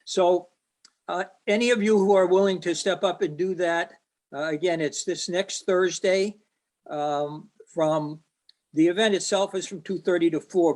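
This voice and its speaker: A man making an announcement at a club meeting, asking for volunteers, speaking haltingly with fillers and restarts. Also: on the high side, a little mellow.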